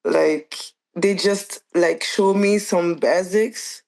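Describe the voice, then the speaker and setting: Young woman from belgium, kinda low voice, rambly restarts, talking about her dancing as a guest. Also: steady tone, takes it slowly, gravelly, darkish tone. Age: young adult. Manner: loose and searching, full of restarts and "like". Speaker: guest dancer and choreographer. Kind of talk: casual interview chat.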